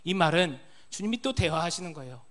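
Preaching his sermon in story form, a man in his thirties, a pastor, speaks expressively and a little fast. His voice sinks low and soft as each sentence ends.

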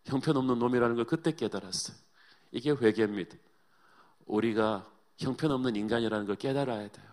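Male pastor, low voice, dramatic sermon, hushed then emphatic. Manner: dramatic storytelling, swinging between hushed and emphatic.

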